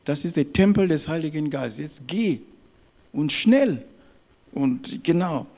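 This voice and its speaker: A man preaching a sermon to his congregation, emphatic and halting, often checking in with "ja?" and "Amen". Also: on the high side, creaky, warm tone. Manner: halting, with restarts and fillers.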